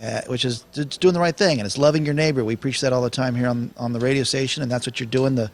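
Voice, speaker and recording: A man hosting a faith-based radio interview, quick and encouraging, with short affirmations. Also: mid-range voice, steady tone. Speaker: radio show host.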